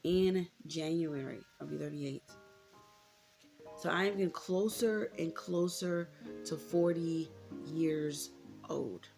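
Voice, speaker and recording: Low and slightly mellow with vocal fry, this thirties-aged American woman's voice moves slowly as she vlogs indoors in a room with a closet. She's reflective, candid and informal with her viewers, repeating points to stress them, while faint music sits in the background.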